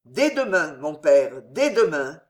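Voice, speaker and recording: A reader voicing a calm, resolute young nobleman in an audiobook, speaking firmly and solemnly. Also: a little high. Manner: firm, solemn, measured. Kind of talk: audiobook character reading.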